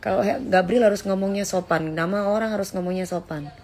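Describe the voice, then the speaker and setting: A woman hosting a casual livestream on her phone, chatting with viewers and lecturing her son in a warm, teacherly way. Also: mid-range voice, a little fast, slight background noise. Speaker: livestream host reading viewer comments. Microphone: phone held for a livestream.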